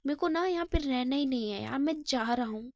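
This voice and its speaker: A woman's voice: high-pitched, a little fast, dry recording, muffled recording. A woman doing a cheeky, teasing younger brother. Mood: whiny. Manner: playful, whiny teasing.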